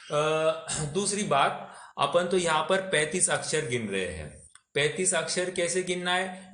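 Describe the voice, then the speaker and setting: A man's voice: a little high, a bit bright, reverberant. A man teaching a scripture class, explaining patiently, putting questions to his listeners, and mixing English words into his talk. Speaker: religious teacher.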